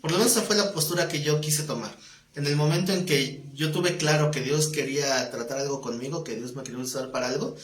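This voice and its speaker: A man teaching a Bible class tells an anecdote, animatedly acting out the dialogue, in a live class talk. His voice is on the high side and a little fast, recorded in an echoey room.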